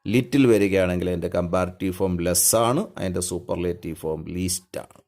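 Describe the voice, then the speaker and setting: A man's voice: deep voice, fairly even intonation, a little fast, a little mellow. A man with a Malayali accent teaching an English grammar lesson. He goes patiently step by step, asking questions and then answering them himself. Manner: patient, explains step by step, asks and answers his own questions.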